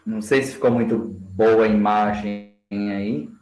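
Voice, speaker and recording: A man giving a training lecture to teachers and slowly spelling out example words for his class. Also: lowish voice, fairly even intonation, a little mellow, faint music behind. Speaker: education lecturer. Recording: roomy echo.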